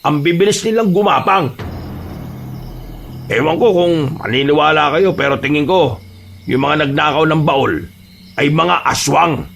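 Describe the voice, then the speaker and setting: A man doing a gravelly calm old man. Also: fairly high pitch, measured pace, pauses often, a little hiss or hum. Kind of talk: Tagalog horror radio-drama acting.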